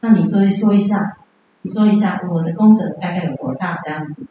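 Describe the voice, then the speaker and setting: A proud, demanding emperor who brags about his good deeds, as a woman teacher puts him on. The voice sits deep in a very echoey room with a dull, lo-fi sound. A faint hiss runs underneath. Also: fast talker, mellow, distant mic, natural voice. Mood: boastful. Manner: self-important, demanding. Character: boastful proud male emperor.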